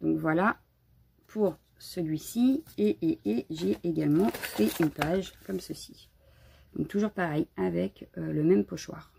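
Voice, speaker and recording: A woman hosts a relaxed live crafting stream from her home, chatting loosely and greeting viewers as she goes. Her voice is strongly gravelly and very husky, sitting a little low. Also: a little slow. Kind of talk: casual live unboxing chat.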